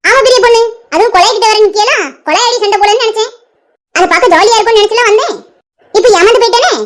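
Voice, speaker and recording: A woman's voice: very high voice, fast. A woman voicing a cheeky, stubborn old village grandmother in a cartoon, with a Tirunelveli Tamil accent. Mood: teasing. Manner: teasing, stubborn, chatty.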